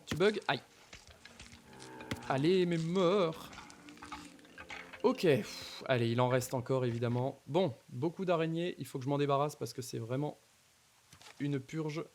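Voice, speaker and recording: A man's voice: mid-range voice, vocal fry, a little mellow, slight background noise. A man giving casual commentary on his Minecraft playthrough, talking to the mobs and to viewers, repeating nervous exclamations in tense moments. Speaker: gaming YouTuber.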